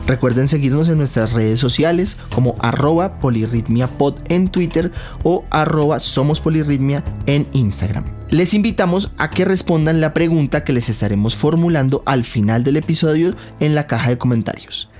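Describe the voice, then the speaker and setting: Podcast host guy, mid pitch, calm measured delivery, faint music underneath. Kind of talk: scripted intro and casual interview chat.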